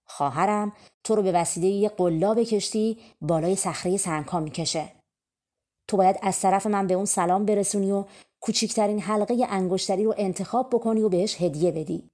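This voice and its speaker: A woman's voice: mid-range voice, mellow, close to an everyday voice. A woman reading a fairy tale and voicing a worried queen stepmother who speaks urgently.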